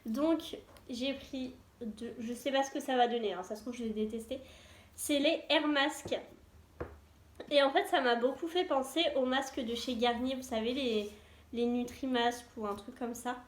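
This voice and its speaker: A woman's voice: a little high, normal speed. A young woman chatting casually and enthusiastically as a beauty vlogger, with many fillers. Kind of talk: casual chat. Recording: echoey room.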